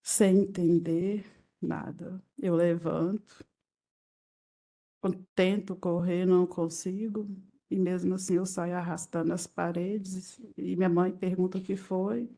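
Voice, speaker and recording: A woman with a Brazilian Portuguese accent testifying as a victim in court, retelling events in halting, fragmented phrases. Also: on the low side, level tone, dark tone.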